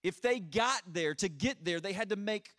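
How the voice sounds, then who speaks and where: A man preaching a sermon at a pulpit microphone, telling and reading scripture in a deliberate way, repeating phrases for emphasis. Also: high voice, expressive, sharp tone, dry recording, studio quality.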